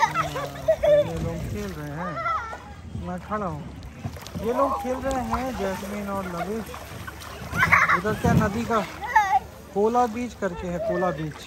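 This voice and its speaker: A man chatting casually on a phone call at a beach, relaxed and repeating himself. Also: high voice, takes it slowly, pauses often. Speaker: vlogger on a family trip. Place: outdoors at a lagoon beach. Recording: loud outdoor noise.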